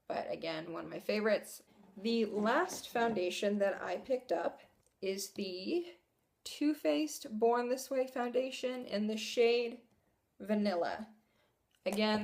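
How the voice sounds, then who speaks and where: A young woman talks through her makeup purchases in a relaxed, chatty way. She sounds enthusiastic and easygoing, with a mid-range voice. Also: mid-range voice, vocal fry. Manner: chatty and enthusiastic, laughs at herself. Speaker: beauty vlogger. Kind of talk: casual product haul review.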